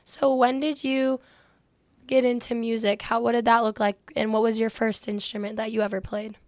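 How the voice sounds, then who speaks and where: A woman's voice: fairly high pitch, little pitch movement, normal speed, darkish tone, dry recording. A young woman co-hosting a podcast, interviewing a guest with friendly, encouraging reactions in a small studio on a close mic. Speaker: podcast co-host. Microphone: studio mic on arm.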